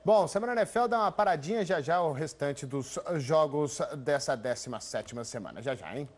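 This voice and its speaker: A man's voice: on the high side, expressive, brisk, a little hiss or hum. A man with a Brazilian accent hosting a sports show in a conversational presenting style.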